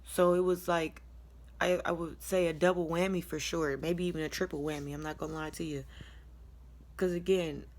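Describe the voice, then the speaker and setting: In a casual, confessional story told to camera, a low-voiced American vlogger gives a personal testimony. Her deep voice is a little mellow, and she rambles candidly in everyday language, laughing softly while she talks.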